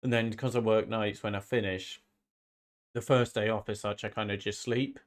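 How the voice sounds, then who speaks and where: Speaking at a moderate pace in a lowish, steady voice, this football watch-along streamer has a slight head cold and sounds sniffly. His casual hosting rambles, and he keeps repeating himself.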